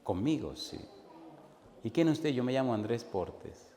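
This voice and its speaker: A man's voice: mid-range voice, a little slow. A man pastor preaching a sermon, animatedly acting out the voices in his stories. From Caribbean Spanish-speaking country. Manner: animated storyteller acting out dialogue. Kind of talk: sermon with storytelling. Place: church hall. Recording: long hall reverb, faint noise.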